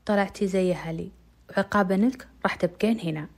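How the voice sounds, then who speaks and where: A woman's voice: mid-range voice, quick pace, close to an everyday voice. A woman doing a curt, cold young captor. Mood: menacing. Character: young man, brooding cousin kidnapper, cold and controlling.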